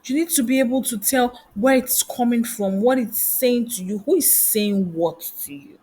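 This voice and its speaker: A woman's voice: on the high side, moderate pace, darkish tone, husky. A woman giving a motivational career lesson, firing off rhetorical questions. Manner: asks many rhetorical questions. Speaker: career coach and trainer. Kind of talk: motivational teaching talk.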